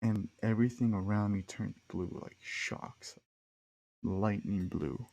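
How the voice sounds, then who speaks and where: A man's voice: fairly low pitch, steady tone, slow pace, creaky, darkish tone, no room sound. A young man hosting a podcast, telling rambling stories in a casual, slangy way with lots of fillers. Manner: rambling, slangy, laid-back with frequent fillers. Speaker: podcast host. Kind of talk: casual storytelling monologue.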